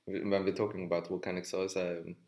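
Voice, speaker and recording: A man's voice: low-pitched, little pitch movement, a little fast, darkish tone. A man from Hungary who works as a sommelier, talking casually and rambling with many restarts. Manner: rambling, restarts often, asks for agreement. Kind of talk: casual conversation.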